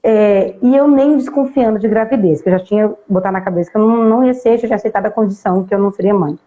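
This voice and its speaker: A Brazilian woman, an interview guest, telling a personal story in a casual, lively way and acting out bits of dialogue. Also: mid-range voice, rapid-fire, lo-fi sound.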